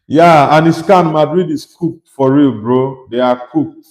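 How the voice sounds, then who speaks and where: This is a young Nigerian streamer chatting about football, voicing viewer comments and answering each with his opinion. He talks at a measured pace in a slightly high, slightly mellow voice, captured in a roomy-sounding space.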